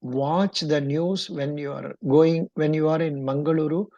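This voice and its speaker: A woman's voice: low-pitched, steady tone, measured pace, dark tone, no room sound, lo-fi sound. A woman with a Kannada-influenced Indian English accent, coaching a mock interview in an encouraging, instructive and probing way.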